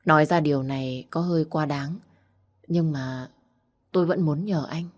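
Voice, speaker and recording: A woman reading a first-person story aloud with earnest, heartfelt delivery. Her voice is notably low for a woman. The reading is steady and sincere. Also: moderate pace. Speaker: audiobook narrator.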